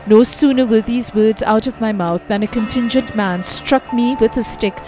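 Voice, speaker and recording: A woman narrator reading out the account of a male colonial police superintendent, in a measured documentary voice. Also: a little high, a little mellow, faint music behind, lightly acted.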